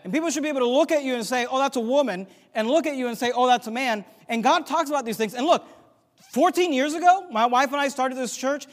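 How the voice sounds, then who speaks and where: A man with a notably high voice preaches from the pulpit, pressing his points with force and then easing off into quiet asides. He recites scripture in old-fashioned biblical wording. His voice rolls out into a long, reverberant church hall. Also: fast talker. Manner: emphatic preaching, swinging between loud declarations and quiet asides. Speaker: pastor. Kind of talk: sermon. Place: church sanctuary.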